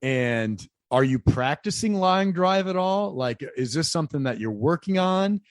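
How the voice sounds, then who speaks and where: A man's voice: on the high side, lively intonation, measured pace, dry recording. Dry-sounding male host jumping in. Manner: eager, interrupting with questions. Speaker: podcast host. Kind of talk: casual interview.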